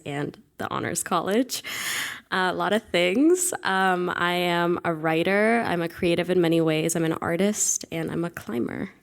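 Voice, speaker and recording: A woman's voice: lowish voice, smooth. A young woman, a senior student on a panel, speaking articulately about herself and her studies. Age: young adult. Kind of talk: panel discussion answers.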